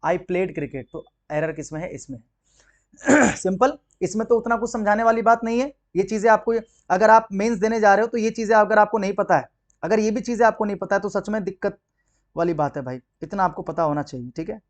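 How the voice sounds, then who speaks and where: A man with a notably high-pitched voice teaches English grammar to exam candidates. He walks through each point step by step, tossing out rhetorical questions and answering them himself. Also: fast talker. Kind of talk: exam-prep grammar lesson.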